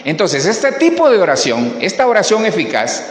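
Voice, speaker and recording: A man's voice: high voice, huge pitch swings, moderate pace. A man preaching a sermon as pastor, repeating words for emphasis and calling out to the congregation. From Colombia. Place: church hall. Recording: echoey hall.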